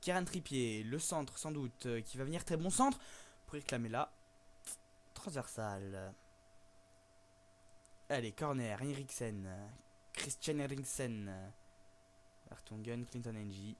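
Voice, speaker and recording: A man's voice: medium pitch, measured pace, pauses often, a little hiss or hum. Chatty young man commenting a game. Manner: chatty, hesitant with many fillers, bursts of excitement. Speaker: gaming YouTuber. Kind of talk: casual let's play commentary.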